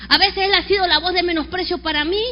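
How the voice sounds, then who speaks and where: A woman pastor preaching an animated sermon, calling on the congregation to repeat after her. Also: very high voice, fast talker, long reverb tail, dull audio, slight background noise. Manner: animated preaching with call-and-response. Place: church sanctuary.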